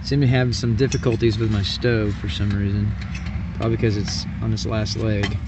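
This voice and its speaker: A man's voice: fairly low pitch, level tone, moderate pace. A man casually rambling through a cooking demonstration at a camp stove outdoors at night. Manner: rambling, folksy, chatty. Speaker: cooking vlogger. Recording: distant, dull camera audio with outdoor noise.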